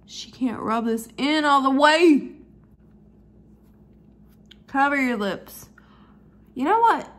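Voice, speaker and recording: Woman, 20s, makeup vlogger: giggly drunk, animated and slangy, chatty rambling delivery. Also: on the high side. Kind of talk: casual chatty makeup tutorial. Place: living room at home, high ceiling.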